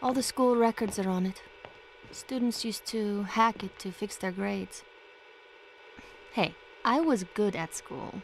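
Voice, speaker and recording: A woman's voice: mid-range voice, unhurried, a little hiss or hum, lightly acted. An actress playing a sardonic young woman who breaks rules playfully, speaking in a wry, teasing way in a video game. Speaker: former student guiding a stranger.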